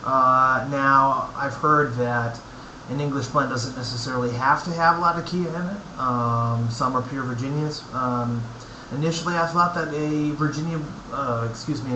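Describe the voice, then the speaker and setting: A man talks through a casual product review in an echoey room with clear background noise. His voice sits at a middling pitch. He speaks haltingly and thoughtfully, pausing between short phrases as he works out what to say. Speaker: pipe tobacco reviewer.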